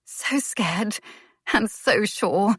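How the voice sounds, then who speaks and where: A woman's voice: medium pitch, animated, extremely slow, fairly bright tone, breathy edge, dry recording, studio quality, voice pushed up, heavily acted. A woman voicing an earnest young noblewoman who speaks of love with a trembling voice. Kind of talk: audiobook character voice.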